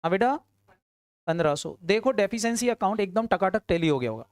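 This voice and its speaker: A woman teaching accounts to a class, firing questions at her students, urging quick answers and often answering them herself. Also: medium pitch, animated, a little mellow, no room sound. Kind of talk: classroom lecture.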